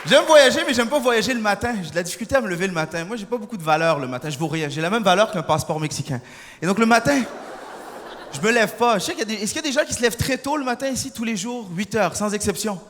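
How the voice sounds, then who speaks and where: A young man doing stand-up on a theater stage, animated and bursting into shouted impressions. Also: sits high, fast talker, some chatter behind. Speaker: stand-up comedian. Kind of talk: stand-up comedy set. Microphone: stage microphone. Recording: reverberant hall, faint audience noise.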